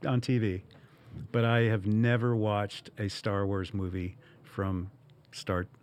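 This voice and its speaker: A man's voice: fairly low pitch, flat delivery, takes it slowly, a little mellow. A man chatting casually as a podcast guest, rambling and self-deprecating, laughing often. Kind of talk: casual chat.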